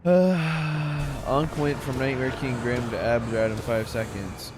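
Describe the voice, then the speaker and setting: A man's voice: medium pitch, steady tone, slow, music in the background. A man in his twenties chatting casually with his viewers while streaming a game, joking around and swearing often. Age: 20s. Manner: joking banter with chat, frequent swearing. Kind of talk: casual live gaming stream chat.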